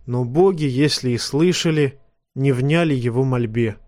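Man reading an audiobook, steady mid voice, dry close recording. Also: medium pitch, measured pace, no echo. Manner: steady, even storytelling. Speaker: audiobook narrator. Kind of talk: scripted narration.

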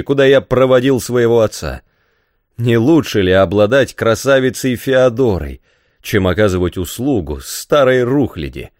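A man reading aloud voices a tormented, volatile young man who breaks into strained shouting. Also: fairly low pitch, no room sound, studio quality. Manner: outbursts of raised, strained shouting.

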